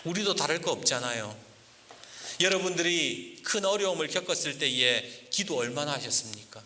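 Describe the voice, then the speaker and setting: A male pastor preaching a storytelling sermon, lively and acting out the voices of the people in his story. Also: a little high, moderate pace. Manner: lively, acts out quoted voices. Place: church sanctuary. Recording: church hall reverb, faint hiss.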